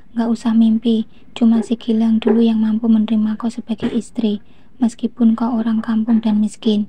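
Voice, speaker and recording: A woman's voice: fairly high pitch, dark tone, breathy edge. Woman reading as a sneering older mother-in-law. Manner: sneering, insulting.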